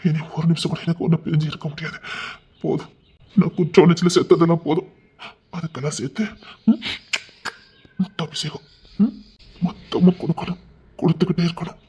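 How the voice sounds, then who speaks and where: A man's voice: a little high, steady tone, a little fast, pauses often, warm tone, slightly rough. A male storyteller who reads an audio love story, voicing its characters with emotional, tearful delivery. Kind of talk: dramatic audio story narration. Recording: dull lo-fi recording.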